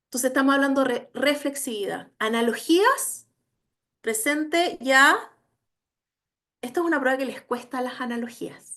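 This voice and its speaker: A woman's voice: high voice, normal speed, fairly bright tone. A woman giving an instructional lecture on educational assessment, emphatic and often checking that listeners follow. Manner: emphatic, checks understanding with frequent tag questions. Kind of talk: online training lecture.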